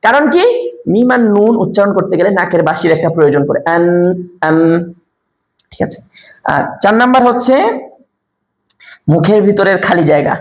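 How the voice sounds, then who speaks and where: A man teaching a step-by-step lesson, repeating key answers slowly, asking quiz questions aloud and demonstrating sounds himself. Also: high-pitched, animated, echoey room. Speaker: Quran recitation teacher.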